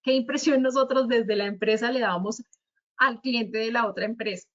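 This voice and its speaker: A Colombian woman with a high voice teaches spelling rules in an online talk. She works through her examples one by one in a patient, didactic way. The audio sounds somewhat dull, like a web meeting. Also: normal speed. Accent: Colombian Spanish. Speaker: speaker at a virtual talk on writing. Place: virtual conference.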